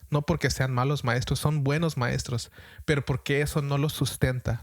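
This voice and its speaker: A man's voice: mid-range voice, dry recording. A middle-aged man, a pastor, preaching an earnest, exhorting podcast sermon with many repeated phrases.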